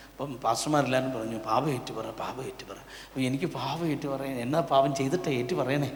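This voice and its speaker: A male pastor, preaching a sermon and swinging from quiet asides to loud, impassioned calls. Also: medium pitch, slight background noise. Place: church prayer hall. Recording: echoey church hall, long reverb.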